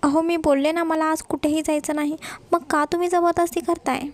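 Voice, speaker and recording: A woman's voice: sits high, level tone, a little fast, natural voice. Woman playing a shy tearful young wife. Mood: pleading. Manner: soft, whiny, tearful.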